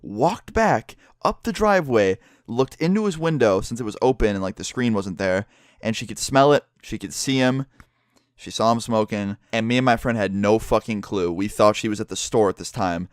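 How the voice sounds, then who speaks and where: A man's voice: on the low side, moderate pace, no room sound. Swearing storyteller man, dry sound. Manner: profane, rambling, animated. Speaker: vlogger. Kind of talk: casual storytime.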